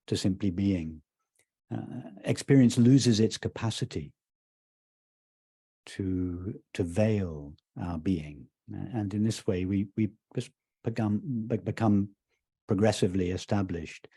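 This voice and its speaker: A man speaks in a low, mellow voice with a husky edge. He explains spiritual ideas slowly and calmly, repeating words as he goes. The sound is dry and close. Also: dry recording. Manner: slow, repeats words, gentle emphasis. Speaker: spiritual teacher. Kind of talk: calm roundtable discussion.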